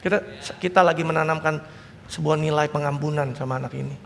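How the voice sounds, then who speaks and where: A man's voice: on the high side, quick pace, gravelly. A man preaching a sermon as pastor, telling family stories and acting out the voices of his children and parents. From Indonesia. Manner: animated storytelling, acting out family dialogue. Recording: reverberant church hall with faint noise.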